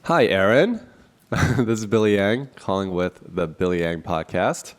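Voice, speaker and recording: Talking from a small office, this podcast host keeps things casual, taking phone calls, poking fun at himself and laughing a lot. His nasal, stuffy voice is lowish and animated, a little slow, over a noisy background.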